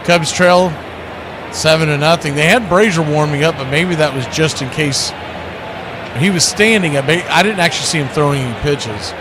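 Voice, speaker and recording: A radio announcer with a fairly high voice calls live baseball play-by-play at a moderate pace over background noise. He's conversational, with clipped calls and wry asides.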